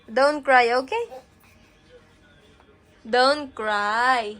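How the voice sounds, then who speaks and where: High bright soothing young woman. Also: extremely slow, faint music behind. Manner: soft coaxing singsong, often hushed. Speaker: older sister babysitting a baby. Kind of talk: casual baby talk in home vlog.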